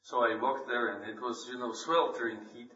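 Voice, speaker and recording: A man's voice: medium pitch, steady tone, moderate pace, pushed and bright. Man preaching in a roomy hall. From Poland. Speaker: lay preacher at a church meeting. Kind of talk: scripture reading and devotional talk. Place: church meeting hall. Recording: roomy, distant, dull church recording.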